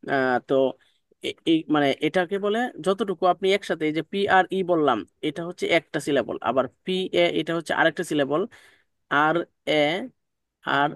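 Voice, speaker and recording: A man's voice: on the high side, normal speed, a bit bright, no room sound, studio quality. A man teaching an online pronunciation class, patient, repeating sounds and checking that students follow. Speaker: English teacher.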